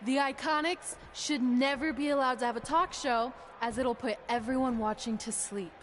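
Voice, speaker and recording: A woman's voice: sits high, fairly even intonation, moderate pace, a little hiss or hum, natural voice. A woman voicing a defiant young wrestler who speaks in a taunting way.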